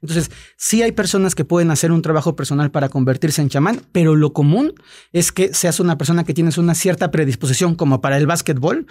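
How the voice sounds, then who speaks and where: A man's voice: fairly high pitch, brisk, darkish tone. A man, a podcast guest and author, telling a personal story in casual chat and acting out the quotes. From Mexico.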